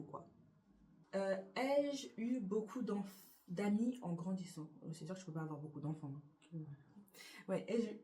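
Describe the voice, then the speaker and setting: A woman's voice: mid-range voice, warm tone. A young woman casually answering get-to-know-me questions for her vlog in her bedroom, often hesitating and restarting her sentences. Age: young adult. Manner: hesitant, many fillers and restarts. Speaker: YouTuber. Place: her bedroom beside a window.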